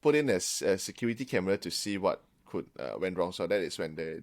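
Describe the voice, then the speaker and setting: Low-voiced man, casual colloquial co-host. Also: expressive, quick pace. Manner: colloquial, drops "lah" into sentences, laughs at his own jokes. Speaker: podcast co-host. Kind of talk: casual ghost-story podcast chat.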